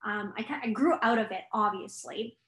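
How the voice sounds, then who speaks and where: In a relaxed conversation she co-hosts, a young woman of Chinese heritage talks loosely, laughing a lot and using plenty of fillers. Her voice is mid-range and fairly bright, at a moderate pace, in an echoey room.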